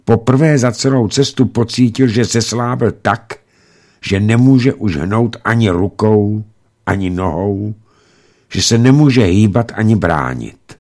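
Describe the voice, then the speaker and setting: A man reading a novel aloud as an audiobook narrator, in a measured, expressive way. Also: fairly low pitch.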